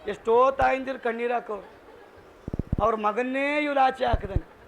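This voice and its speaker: A man's voice: very high voice, normal speed, creaky, background noise. A male pastor with a Kannada accent preaching a sermon in a church, asking the congregation questions and calling for responses. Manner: rhetorical call-and-response preaching. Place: church hall.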